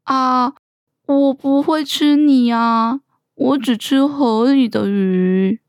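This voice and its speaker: A timid little crocodile schoolboy in a storybook, voiced by a woman. He speaks slowly and hesitantly, drawing out soft ah sounds in a somewhat high voice. The sound is close and dry. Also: dry recording. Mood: shy. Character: shy gentle young male crocodile pupil.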